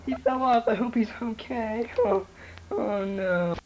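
A man's voice: very high voice, unhurried, darkish tone. A man narrating a home video, chatting about what the camera shows, recorded on an old VHS tape with a built-in camcorder mic outdoors by a car. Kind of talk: casual camcorder commentary. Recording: dull hissy 1980s VHS camcorder tape.

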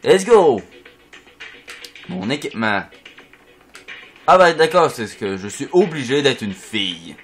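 A man with a Quebec French accent, chatting at home through casual gameplay commentary in an excitable, joking way. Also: mid-range voice, moderate pace, pauses often. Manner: excitable, chatty, makes silly sound effects. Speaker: gamer. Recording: faint music behind.

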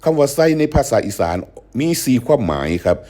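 A man's voice: mid-range voice, big pitch swings, brisk, warm tone. An older man, hosting a show and patiently explaining dialect words. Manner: patient, explanatory, acts out example phrases. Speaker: host.

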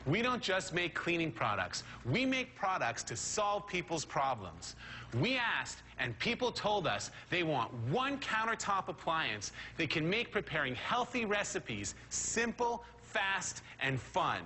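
A middle-aged man giving an earnest, persuasive scripted infomercial pitch to camera as a product pitchman. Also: sing-song, unhurried, bright, forceful tone, a little hiss or hum. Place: studio kitchen set indoors.

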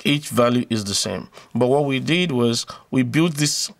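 Talking through a diagram at a measured pace, this mid-range male voice explains electronics informally, one step at a time, often repeating phrases to stress them. The recording is dry.

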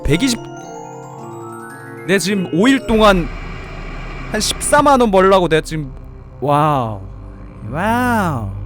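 Higher-voiced guy doing horror game commentary, jumpy, yelps a lot, faint music under. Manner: excitable, yelps and pleads under pressure. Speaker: game streamer.

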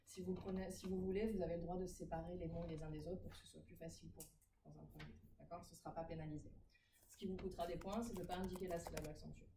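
A fairly low-pitched woman speaks at a quick pace and a steady tone, teaching phonetics to a classroom. She explains the rules patiently and keeps checking on her students' understanding. Background noise, an echoey room, and a far-off mic color the recording.

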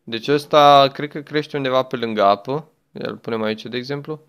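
A man's voice: medium pitch, a bit bright, clear, resonant tone. A young man chatting his way through a game as a gaming YouTuber, exclaiming often and talking to the game and a friend. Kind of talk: let's play commentary.

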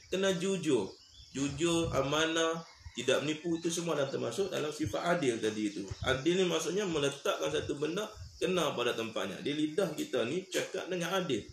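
A man's voice: medium pitch, gravelly. A man giving an Islamic lecture as a religious teacher, conversational and acting out little dialogues. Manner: conversational preaching with acted dialogue and laughs. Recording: echoey room with faint background noise.

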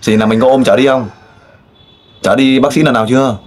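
A man runs a casual interview. He pushes and teases, firing off pointed questions one after another. His voice sits at an ordinary middle pitch, and he often breaks off into loud exclamations. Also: steady tone, brisk. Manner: pushy, teasing questioner with frequent exclamations. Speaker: street interviewer.

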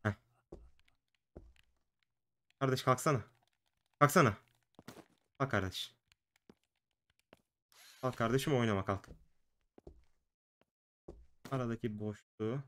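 A man's voice: mid-range voice, slow, long pauses, pushed and bright. A man with a mid-range voice gives chatty let's play commentary. He jokes and banters with the characters on screen and with his viewers as he plays. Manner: chatty, jokey, talks to the game's characters and the viewers. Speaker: gaming video host.

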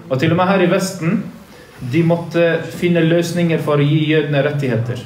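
A man's voice: on the high side, steady tone, darkish tone, a little hiss or hum. A man teaching a religious lesson to boys in a mosque, earnest and preachy, repeating points for emphasis. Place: large carpeted mosque room. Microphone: phone livestream from across the room. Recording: echoey room, speaker far from phone.

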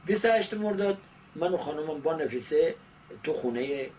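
Older man, 70s, halting reminiscence, off-mic camcorder sound with faint noise. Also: fairly high pitch, expressive, a little mellow. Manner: halting, with long hesitations. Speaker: interviewee giving oral history. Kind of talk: recollective personal narration. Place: small book-lined study indoors. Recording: distant mic, noisy amateur camcorder sound.

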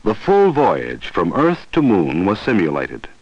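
A man reading scripted narration for a 1960s educational film in a formal, deliberate manner. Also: lowish voice, wildly swooping pitch, husky, dry recording. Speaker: documentary narrator. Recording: dull vintage film soundtrack, dry.

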